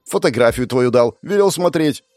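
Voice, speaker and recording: A man's voice: animated, moderate pace, darkish tone, no room sound, natural voice. A man voicing a frightened young male street lookout who pleads in a raised, strained voice. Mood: frightened pleading. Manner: frightened, pleading, high-pitched.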